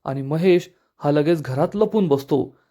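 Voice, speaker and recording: A man's voice: a little high, a little slow, mellow. Man narrating a serial recap.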